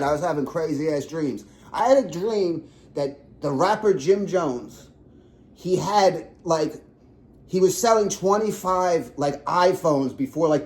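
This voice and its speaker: Man co-host, slightly high voice, fast rambling profane storyteller. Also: a little mellow. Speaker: podcast co-host. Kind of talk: casual chat.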